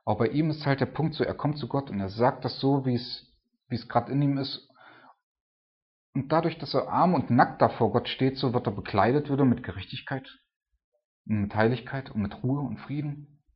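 A man's voice: mid-range voice, normal speed. Man, sermon, conversational preaching, frequent "so" and "ne?" fillers, slightly muffled lo-fi sound. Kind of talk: sermon on a psalm.

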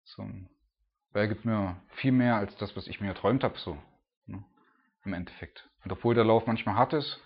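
A man's voice: fairly low pitch, moderate pace, vocal fry, husky, lo-fi sound. A man preaching in a loose, chatty way, full of filler words. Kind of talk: casual preaching.

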